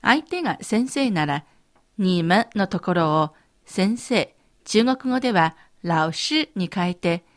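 A woman co-hosting a scripted language lesson who models pronunciation slowly and carefully. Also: mid-range voice, expressive. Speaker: language teacher co-host.

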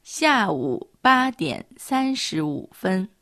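A woman co-teaching a language lesson, pronouncing model phrases slowly and carefully. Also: medium pitch, big pitch swings, sharp tone, no room sound, studio quality. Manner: slow, careful model pronunciation.

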